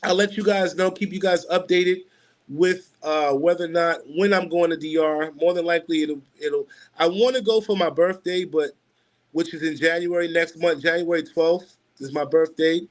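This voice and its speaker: A man's voice: a little high, fairly even intonation, moderate pace. A man in his forties hosting a casual livestream, rambling with many fillers and restarts. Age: 40s. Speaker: livestream host.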